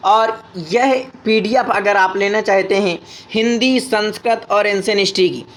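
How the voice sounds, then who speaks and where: A man with a Hindi accent explaining an exam paper as a tutor, reading the questions aloud and chanting the verses in long, drawn-out tones. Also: sits high, fairly even intonation, fairly bright tone. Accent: Hindi, from north India.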